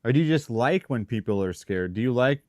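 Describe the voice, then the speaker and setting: A man's voice: medium pitch, animated, a little fast, dry recording. Man chatting casually on livestream, dry close sound. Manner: informal, rambling, thinking aloud in broken phrases. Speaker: livestream host, paranormal investigator. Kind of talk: casual live-stream chat with viewers. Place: shop.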